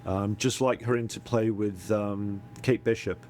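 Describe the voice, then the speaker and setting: Low-voiced middle-aged man, halting chat. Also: steady tone, darkish tone, a little hiss or hum. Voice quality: halting, lots of ums and repeats. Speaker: podcast co-host. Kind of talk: casual chat.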